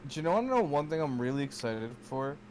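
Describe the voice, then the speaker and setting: Guy rambling excitedly over a racing game, cusses a lot, normal pitch. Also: fast, a little hiss or hum. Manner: excitable, swears often, rambling restarts. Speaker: streamer playing a kart racing game. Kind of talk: casual gaming chat.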